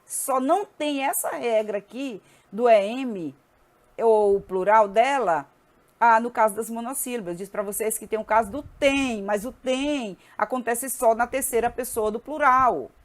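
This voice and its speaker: A woman teaching a grammar lesson, spelling out letters slowly and often checking in with her students. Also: on the high side.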